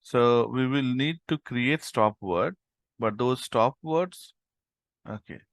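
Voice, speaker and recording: A man's voice: medium pitch, slow, no room sound. A man teaching a live coding tutorial over an online call, explaining step by step with frequent "okay" and "right?". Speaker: instructor.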